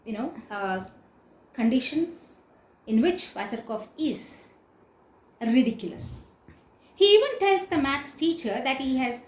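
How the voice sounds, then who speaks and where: A woman teacher with a high, slightly mellow voice gives an explanatory literature lecture. She is didactic and emphatic, repeating key words and spelling them out. The room is echoey.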